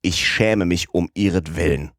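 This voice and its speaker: A man voicing an excitable, loyal French manservant who talks indignantly and exclaims often. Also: low voice, a little slow, no room sound, clean studio sound.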